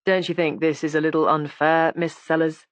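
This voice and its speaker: A woman's voice: low voice, level tone, moderate pace, no room sound, natural voice. A cool, intimidating male police inspector in an audiobook, clipped and ironic. A woman reader voices him close to her own voice, in a dry, close-miked recording. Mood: stern. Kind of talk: audiobook character voice.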